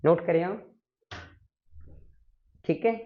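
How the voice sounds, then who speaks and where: A man's voice: on the high side, slow, phone-quality sound. A man teaching a Sanskrit grammar lesson, drilling the class with repeated questions and answers.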